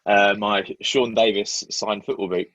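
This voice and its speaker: A man's voice: fairly low pitch, steady tone, unhurried, a bit bright, no echo, highs cut off. A man, a personal trainer, giving short easygoing answers as a podcast guest, often starting with "uh". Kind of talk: casual interview answers.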